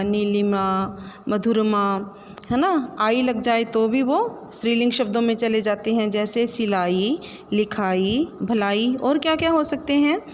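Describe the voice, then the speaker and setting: A woman's voice: on the high side, in a large hall, a little hiss or hum. A woman teaching a Hindi grammar lesson, listing word examples one by one and checking in with a rising "है ना?". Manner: lists examples with frequent rising "है ना?" check-ins.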